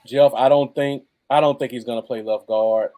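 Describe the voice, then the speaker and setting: A man's voice: medium pitch, fairly even intonation, moderate pace, warm tone. An American man chatting casually as co-host of a live football fan show. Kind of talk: casual live sports chat.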